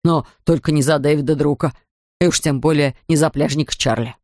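A gruff, indignant bearded man in a storybook talks in a lowered, heavier voice, as a woman puts him on. The sound is dry and close. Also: fairly even intonation, brisk, darkish tone, no room sound. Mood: rueful. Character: angry bearded middle-aged man in a restaurant.

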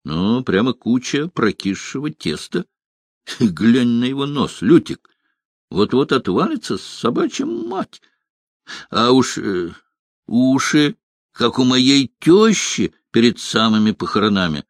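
A man's voice: medium pitch, very animated, slow pace, no echo, clean studio sound, exaggerated voice. A man voicing a stout, greedy male halfling merchant who talks in a coarse, blustering way.

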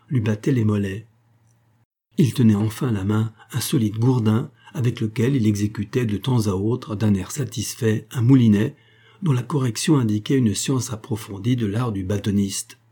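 Brief: male audiobook narrator, husky and dark in tone, measured storytelling. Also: on the low side. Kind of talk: scripted narration of a novel.

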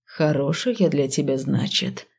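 A woman reads as a surly male necromancer, curt and snappish, his lines dropped low and quiet. He is stubborn and menacing, as she puts him on for an audiobook. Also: moderate pace, creaky. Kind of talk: audiobook reading.

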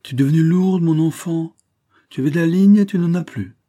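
A man's voice: on the high side, fairly quick, mellow, pitched above the performer's own voice, lightly acted. A man voicing a proud, frail old male painter who exclaims in a raised, strained voice. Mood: scornful.

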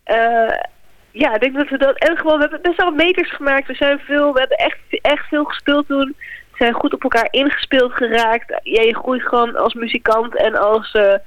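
A woman's voice: high-pitched, fairly even intonation, moderate pace, no room sound. A woman from The Hague, a band musician, chatting enthusiastically as a guest in a casual radio interview, often restarting her sentences. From The Hague, Netherlands. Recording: slightly dull lo-fi radio sound.

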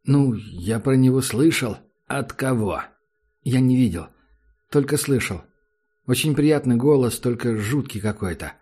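A man's voice: medium pitch, a little slow, dark tone, breathy edge. A man voicing a wary, curious young male survivor in an audiobook.

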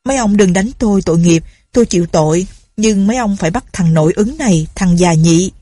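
A woman's voice: medium pitch, fairly quick, warm tone, no room sound, clean studio sound, close to an everyday voice. A woman doing a frightened pleading old man. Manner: pleading, plaintive.

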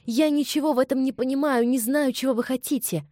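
A woman reading the part of a proud young English lady who exclaims in a high-strung voice. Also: steady tone, a little fast, warm tone, dry recording, clean studio sound, natural voice. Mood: flustered.

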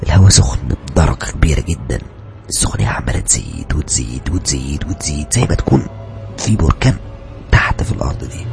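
Man, Egyptian accent, dramatic horror narration, quick, lively pitch, shifts from whisper to urgency. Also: vocal fry. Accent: Egyptian Arabic. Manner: shifts between hushed whispers and loud, urgent lines. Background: background music.

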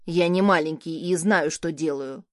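Female reader playing a brash teen boy for an audiobook: excitable and indignant, pitched down. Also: normal speed, no echo, studio quality, close to an everyday voice. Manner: eager, indignant outbursts. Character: excitable, cheeky teenage boy. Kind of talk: audiobook character voicing.

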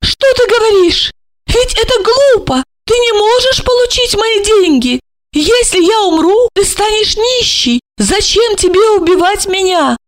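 A woman reading aloud, voicing a shocked, desperate woman who pleads in a high, breaking voice. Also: lively intonation, a little slow.

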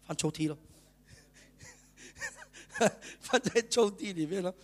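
A male pastor, giving a lively, chatty sermon and keeping the congregation engaged with constant rhetorical questions. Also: high voice, slow. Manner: lively, chatty preaching with bursts of laughter. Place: church service.

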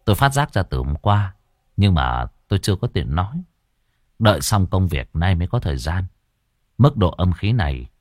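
A man's voice: sits low, no room sound, clean studio sound, voice pushed down. A man playing a grave young exorcist. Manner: grave, measured explanation. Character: calm young male exorcist master, grave and measured.

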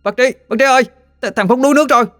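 Guy doing a scared little boy voice, stammery, fast and higher, dry sound. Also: no room sound, soft background music, natural voice. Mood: frightened. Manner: stammering, panicky. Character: frightened young boy, stammering.

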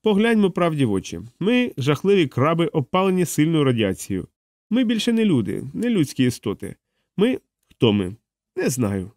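A bitter, ironic male crewman, voiced noticeably higher than the reader's usual tone, as a male narrator puts him on. He talks grimly about his own fate, with a dry, close sound. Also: big pitch swings, normal speed, darkish tone, no echo. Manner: ironic, grim. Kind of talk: audiobook character voice.

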